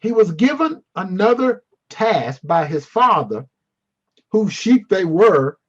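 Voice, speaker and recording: Male Bible teacher, high husky voice, playful and teasing, online class over dull call audio. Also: sing-song, takes it slowly. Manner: playful, teasing, responds to chat. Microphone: video call.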